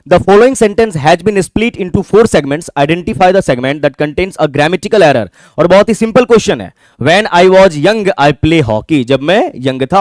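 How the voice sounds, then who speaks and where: A man's voice: sits high, no room sound, studio quality. A man teaching English for an exam, explaining step by step and asking and answering his own questions. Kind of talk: classroom lecture.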